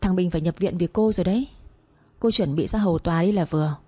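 A woman's voice: fairly low pitch, fast, warm tone, dry recording, lightly acted. A woman voicing a scornful older mother-in-law who scolds and sneers in a storybook reading. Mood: sneering.

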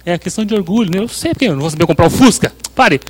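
A man's voice: high voice, lively intonation, very fast, husky, low-quality recording. A middle-aged man from Brazil, preaching an informal sermon and telling personal stories in a chatty way with frequent asides to the congregation. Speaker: church leader preaching.

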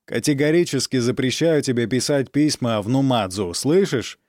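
A man's voice: medium pitch, moderate pace, dry recording, clean studio sound, lightly acted. A man playing a cruel aristocratic count who harshly berates his daughter in an audiobook reading. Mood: commanding. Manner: harsh, shouting, menacing.

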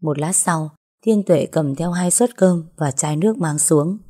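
A woman narrating a scripted story in a steady, even way. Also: sits low, measured pace.

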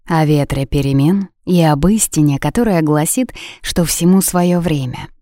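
A woman reads an audiobook in a measured, expressive manner. Her voice sits very low for a woman, and the recording is close and completely dry. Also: no room sound. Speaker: audiobook narrator. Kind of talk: dramatic audiobook narration.

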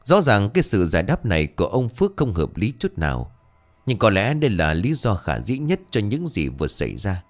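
A man narrating a ghost story in an expressive, dramatic way. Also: low-pitched, a little fast.

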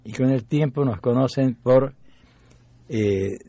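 A man in his nineties with an Argentine accent, telling family memories in an interview with pauses. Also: medium pitch, dark tone, no echo. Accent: Argentine Spanish. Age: 90s. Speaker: interviewee, folk musician. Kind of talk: storytelling memories.

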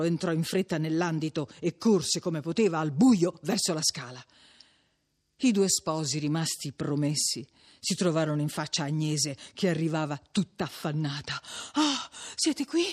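A woman narrating a classic novel in a measured, expressive storytelling voice. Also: low voice. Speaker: audiobook narrator.

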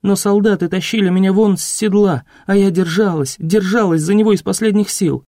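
A man narrating an audiobook in a measured, expressive reading. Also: sits high, no room sound, studio quality. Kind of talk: scripted narration.

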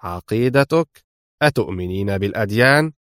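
Man voicing a gloating crime boss, low voice, smug, taunting, dry close sound. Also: normal speed, no room sound, lightly acted. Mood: mocking.

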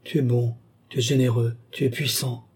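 A man voicing a devoted young wife, speaking softly and tenderly. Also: mid-range voice, level tone, moderate pace, slight background noise, pitched above the performer's own voice, close to an everyday voice.

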